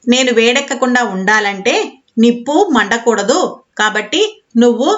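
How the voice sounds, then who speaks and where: A woman's voice: on the high side, moderate pace, a bit bright, muffled recording, natural voice. A woman voicing the water in a pot, scolding a goat kid and then giving advice, in a storybook reading. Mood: reproachful. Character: boiling pot water, reproachful but pitying.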